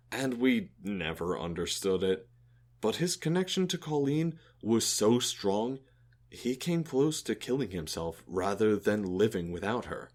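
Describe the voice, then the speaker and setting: A man voicing a thoughtful male alien who befriended a human, explaining things earnestly in an audio drama. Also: on the low side. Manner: earnest, explanatory, lively intonation.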